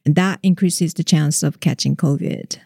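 A reporter guest on a news podcast, explaining the facts in a measured way with small hesitations. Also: medium pitch, gravelly, darkish tone, dry recording, clean studio sound.

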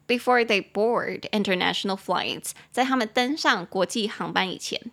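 Lively young woman teaching English. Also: medium pitch, vocal fry. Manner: lively, laughs often, spells words out slowly. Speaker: English teacher and podcast host. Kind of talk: casual teaching podcast.

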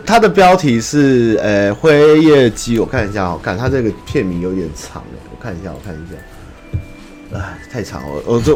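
A young man from Taiwan with a darkish, mid-range voice hosts a podcast, chatting casually about anime. He rambles and speaks bluntly, swearing and putting on mocking voices.

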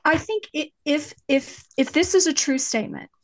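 A woman with a West Texas twang, speaking as an interview guest in a thoughtful, halting way as she searches for words. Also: high voice, lively intonation. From West Texas, United States. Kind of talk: reflective interview conversation about faith.

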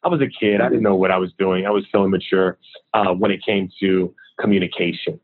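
Husky-voiced man telling his story. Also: low-pitched, brisk. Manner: animated, acts out quoted voices. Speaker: interview guest. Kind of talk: casual storytelling. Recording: thin phone-like audio.

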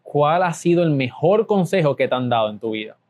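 A man's voice: on the high side, lively intonation, a little fast, darkish tone, highs cut off. A man interviewing with short prompts. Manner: brief prompts and playful question lead-ins. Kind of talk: casual interview.

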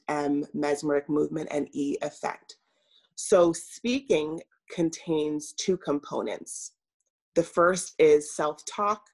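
A woman coach speaking as an interview guest, measured and earnest, pausing often with fillers. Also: low voice. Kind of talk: reflective interview talk.

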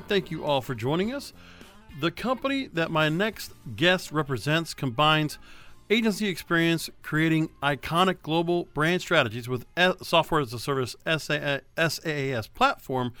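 A man's voice: a little high, pushed and bright, no echo. Upbeat man hosting a radio interview. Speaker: radio show host.

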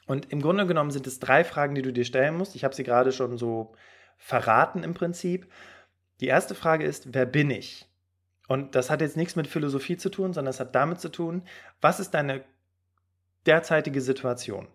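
Lively German man giving career advice. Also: on the high side, normal speed. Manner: lively, talks directly to the listener with fillers. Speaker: podcast host and career coach. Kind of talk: podcast advice monologue.

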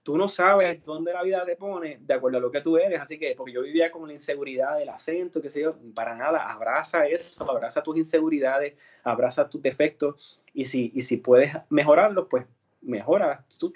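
A man's voice: fairly high pitch, fairly quick, breathy edge, dull audio. A Puerto Rican man, an actor and singer, telling his story in a casual interview with many fillers and restarts. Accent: Puerto Rican Spanish. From Puerto Rico.

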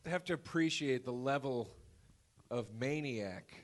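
A man's voice: medium pitch, animated, unhurried. A man hosting a live podcast in front of a theater audience, telling jokey stories and hyping the crowd. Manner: jokey, storytelling, hypes the crowd. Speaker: podcast host at live screening.

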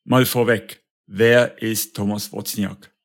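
A man's voice: on the low side, little pitch movement, takes it slowly. A man hosting a podcast, asking questions in an upbeat, enthusiastic way and reading a sponsor message. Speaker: podcast host.

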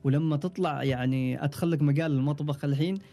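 Fast-talking Omani man telling stories. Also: fairly high pitch, faint music behind. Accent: Omani Arabic. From Oman. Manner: relaxed storytelling, frequent trailing restarts. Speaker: podcast guest, ship engineer. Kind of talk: casual interview chat.

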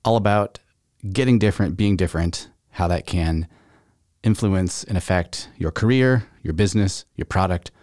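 A man's voice: low-pitched, moderate pace, darkish tone, dry recording, studio quality. A man hosting his own podcast, talking casually and putting rhetorical questions to his listeners. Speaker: podcast host. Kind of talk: casual solo podcast talk.

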